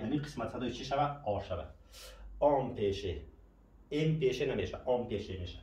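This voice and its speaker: A man teaching a language lesson, patiently asking questions and answering them himself. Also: medium pitch. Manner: patient, asks and answers his own questions. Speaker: French teacher. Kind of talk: classroom lesson explanation. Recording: echoey room, mic at a distance.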